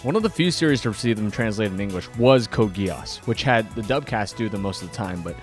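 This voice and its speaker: With a lowish, animated voice that runs a little fast, this host of a scripted commentary video is an anime fan. He speaks enthusiastically with dramatic emphasis as music plays in the background.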